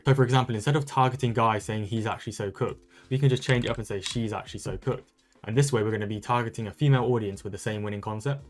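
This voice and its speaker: Rapid-fire upbeat man with a low voice. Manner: rapid, upbeat sales-pitch delivery. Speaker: online content creator teaching social media growth. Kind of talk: screen-recorded tutorial walkthrough.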